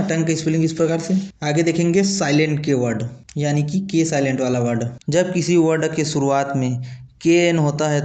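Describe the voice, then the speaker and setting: A man's voice: fairly high pitch, dark tone, roomy sound. A man teaching English pronunciation in a patient, repetitive classroom manner, often checking understanding with short tag questions. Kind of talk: classroom-style lesson explaining pronunciation.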